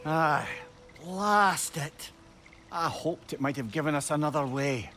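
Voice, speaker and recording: A man voicing an excitable, blustering old sage in video game dialogue. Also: on the high side, moderate pace, slight background noise. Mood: eager.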